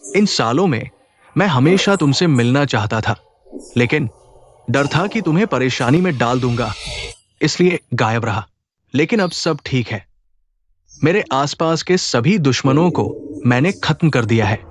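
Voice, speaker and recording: A man's voice: medium pitch, animated, measured pace, long pauses, slight background noise, natural voice. A man voicing a cold vengeful boss father. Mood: remorseful. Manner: cold, menacing, commanding. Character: vengeful powerful father, middle-aged boss returning. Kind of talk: dubbed short drama.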